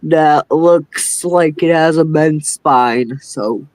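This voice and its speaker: A young man speaks slowly and hesitantly, often pausing to find his words as he asks questions on a live stream. His voice sits a little high and sounds close and dry. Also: darkish tone, dry recording, low-quality recording. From Czech Republic. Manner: hesitant, many fillers and restarts, asks questions. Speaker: caller. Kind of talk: live-stream casual chat.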